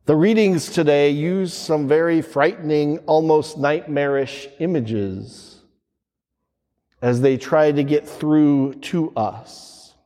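A man speaking as a priest in solemn, measured liturgical reading and preaching, his voice ringing with cathedral echo. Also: on the high side, warm tone. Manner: solemn, measured delivery with deliberate pauses. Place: large reverberant church. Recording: long cathedral echo, reverberant church hall.

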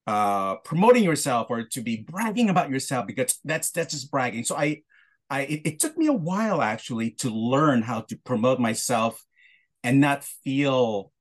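A male interviewer originally from the Philippines, speaking at a middle pitch in a relaxed, conversational way. He circles around his questions, restarting phrases and filling gaps as he thinks aloud. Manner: halting, with frequent restarts and warm laughter. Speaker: podcast host.

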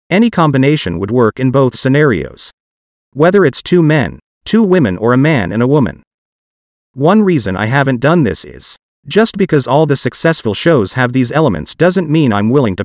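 Scripted podcast narration comes from a male synthetic voice reminiscent of early speech synthesizers, every word evenly and mechanically pronounced. The host's voice is mid-range, captured in studio quality without echo.

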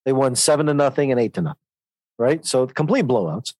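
A middle-aged man hosting a podcast, telling a relaxed personal story in casual conversation. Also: medium pitch, brisk, no echo, poor audio. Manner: easygoing anecdotal storyteller. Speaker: podcast host.

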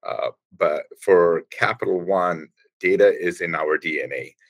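Deep-voiced man explaining at length. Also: creaky. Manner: explanatory, halting with many restarts. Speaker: guest, engineering executive. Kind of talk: podcast interview.

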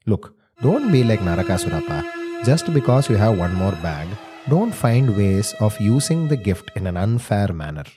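Over music, a fairly low-pitched man speaks at normal speed, very animated. He hosts and tells stories with a South Indian accent, using Indian English phrasing and Tamil words in scripted storytelling and playful family dialogue.

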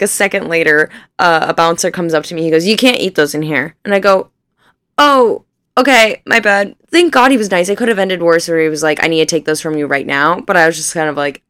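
A woman's voice: lowish voice, animated, fast talker, few pauses, fairly bright tone, clean tone, no room sound. Twenty-something girl rambling thru a story, lots of giggles, dry close sound. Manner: rambling, self-deprecating, laughs often, swears casually. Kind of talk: casual storytelling.

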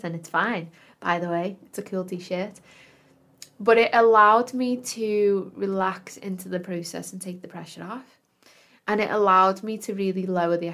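With a lowish voice, a woman hosting a podcast reflects aloud and speaks straight to the listener. Her manner is earnest and affirming, like a self-help influencer.

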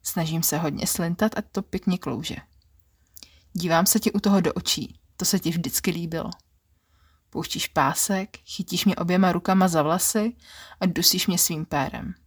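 A woman narrating an erotic story in the first person, quiet and intimate, with a husky voice. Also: fairly low pitch, dry recording, studio quality. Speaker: podcast narrator.

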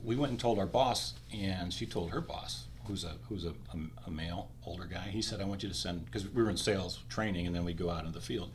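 A man in his sixties, a podcast guest, telling lively anecdotes in casual conversation. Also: low-pitched, fairly quick, few pauses, a little hiss or hum.

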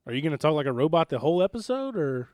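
A man's voice: fairly high pitch, big pitch swings, rapid-fire, a little mellow, no echo. Chatty male podcast host, clean resonant voice, close dry mic. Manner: upbeat, chatty, laughs easily. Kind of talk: casual podcast chat. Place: studio.

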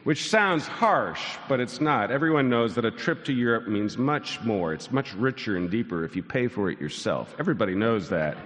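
A man's voice: mid-range voice, animated, normal speed, few pauses, a bit bright. A pastor in his sixties preaching a sermon, telling stories with dry self-mocking humor and building to soaring lines. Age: 60s. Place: large church sanctuary. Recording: long church hall reverb.

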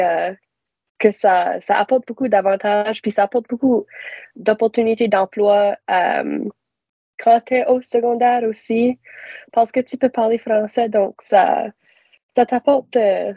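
A young woman from Prince Edward Island, an English speaker and university student, speaking hesitantly with many pauses. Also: mid-range voice, warm tone, no echo. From Prince Edward Island, Canada. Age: young adult. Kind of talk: casual discussion. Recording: dry, dull lo-fi sound.

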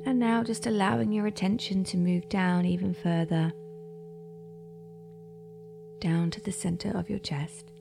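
A woman leading a guided meditation in a slow, soft-spoken voice that often drops into a half-whisper. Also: mid-range voice, fairly even intonation, creaky, noisy background.

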